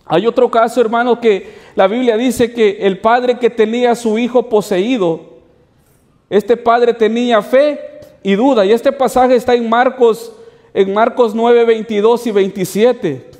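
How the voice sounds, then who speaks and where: Male pastor, high pitched, sermon delivery with lots of rhetorical questions, long reverb of a church hall. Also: fairly even intonation, unhurried, darkish tone. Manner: preaching with repeated "hermanos" asides and rhetorical questions.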